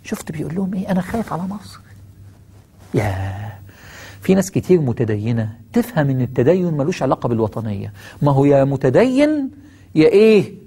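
A man's voice: on the high side, very animated, fast, creaky, warm tone, breathy edge. A man with an Egyptian accent preaching on Quranic verses, firing rhetorical questions at his listeners.

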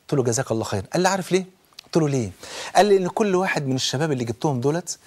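A middle-aged man with an Egyptian Arabic accent preaching a sermon, fervent and full of stories, dropping low and soft when he quotes. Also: animated, racing.

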